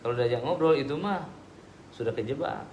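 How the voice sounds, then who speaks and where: A man gives a casual religious talk and answers listeners' questions at an ordinary pitch. He sounds easygoing and sometimes teasing. The room is echoey, with faint noise behind him. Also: a little fast, muffled recording. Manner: conversational, teasing, answers with everyday examples. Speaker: preacher answering audience questions.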